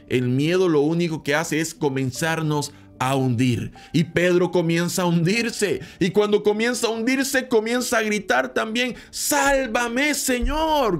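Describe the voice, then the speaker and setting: A man preaching a daily devotional sermon, earnest and emphatic, asking the listener rhetorical questions and slowing down to stress key phrases. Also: high voice.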